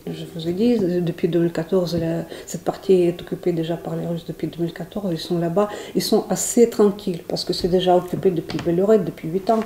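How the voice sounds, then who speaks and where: Ukrainian-accented woman, flat and halting. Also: lowish voice, a little hiss or hum. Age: middle-aged. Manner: earnest, halting with many restarts. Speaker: interviewee, volunteer. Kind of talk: interview answers. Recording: echoey room with music under.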